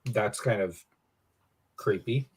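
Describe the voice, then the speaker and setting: A man reading a novel aloud in a steady, measured way and discussing it. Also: fairly low pitch, crowd noise. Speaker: podcast co-host.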